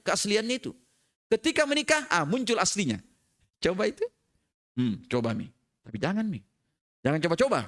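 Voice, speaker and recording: A man preaching a sermon in a prayer room, moving from slow chanted recitation to lively joking explanation. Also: high voice.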